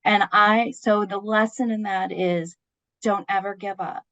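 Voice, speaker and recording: A woman in her fifties, a podcast guest, telling a personal story in an earnest, expressive way, laughing between lines. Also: mid-range voice, a little slow, no room sound, low-quality recording.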